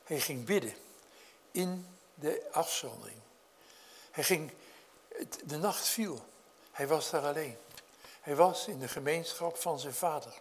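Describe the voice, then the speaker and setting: A man preaching a sermon, speaking earnestly to his congregation, lifting his voice when telling the story and dropping it low to reflect. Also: lively intonation, measured pace, pauses often, a little hiss or hum. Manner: addresses congregation directly with questions.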